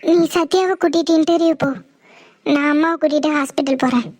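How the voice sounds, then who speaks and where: A woman's voice: high voice, fairly even intonation, brisk, a little mellow, no echo, natural voice. A woman voicing an eager, helpful young sister-in-law in a cartoon. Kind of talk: cartoon voice acting.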